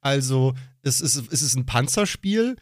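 A man co-hosting a casual podcast, telling stories in an animated way and acting out the people in them. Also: medium pitch, a little slow, dry recording, clean studio sound. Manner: animated storytelling, acts out voices, frequent laughter. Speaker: podcast co-host, comedy YouTuber.

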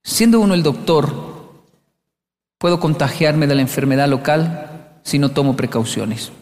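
Man, motivational speaker, high voice, acts out his stories, recorded with echo in a large hall. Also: a little slow. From Latin America. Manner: animated storyteller acting out quotes. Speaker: speaker on leadership. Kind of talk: motivational talk. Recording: long hall reverb.

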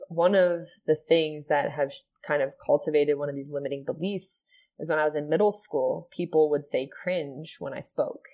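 Speaking as a podcast guest, an Ohio woman who teaches yoga and sound healing shares her story in an earnest, reflective way. She's low-voiced and soft-spoken, and "like" and "you know" pop up often in her speech.

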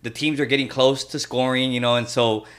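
Podcast co-host guy, average pitch, chatting casually and rambling through stories in everyday slang. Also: fairly even intonation, fairly quick, a bit bright, clear, resonant tone. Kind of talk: casual chat and anecdotes.

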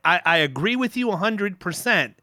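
A middle-aged man with a somewhat high, bright and forceful voice talks casually, spinning rambling anecdotes full of restarts. His voice is recorded close and dry, with no room sound. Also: normal speed, no echo. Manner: rambling, anecdotal, with restarts and lively quoted dialogue. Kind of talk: casual conversational storytelling.

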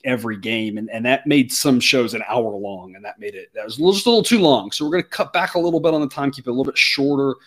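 Very fast-talking male sports host. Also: mid-range voice. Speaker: sports betting show host. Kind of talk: conversational sports show presenting.

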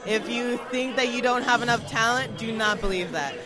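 At a noisy fan convention with music playing, an American woman from Florida, a cosplayer, chats excitedly with an interviewer. Her voice is a little high and her pace moderate. She's emphatic and effusive, often going back over what she just said.

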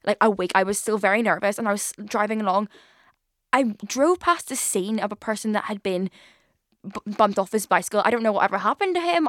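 A woman's voice: mid-range voice, a bit bright, no room sound. A woman in her twenties hosting a casual solo podcast, chatting in a rambling way with lots of fillers and swearing, recorded in a studio. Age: 20s. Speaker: podcast host. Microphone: studio mic.

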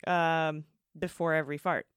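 A woman co-hosting a casual podcast, talking in a soft, hesitant way with frequent uhs and restarts. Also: low-pitched, flat delivery, moderate pace, clean tone, no room sound, clean studio sound. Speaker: podcast co-host.

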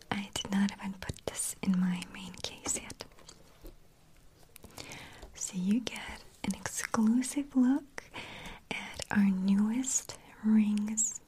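Slow whispering woman, ASMR shopkeeper. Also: medium pitch, low-quality recording. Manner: soft unvoiced whisper, unhurried sales talk.

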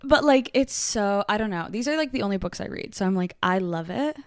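A woman's voice: mid-range voice, expressive, fast, no echo, clean studio sound. A woman co-hosting a podcast in casual chat, enthusiastic and agreeable. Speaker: podcast co-host.

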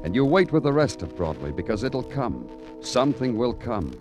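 In a vintage 1940s-50s radio noir recording with music, an actor plays a world-weary, poetic big-city police detective narrating his case in a brooding, florid, dramatic style. His medium-pitched voice swings widely in pitch at a normal speed.

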